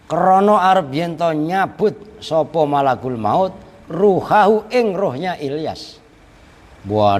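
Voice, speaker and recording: Slow, playful man teaching in a reverberant hall. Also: medium pitch. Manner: playful, joking asides to students. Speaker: Islamic boarding school teacher. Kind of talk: traditional kitab teaching, reading and translating word by word.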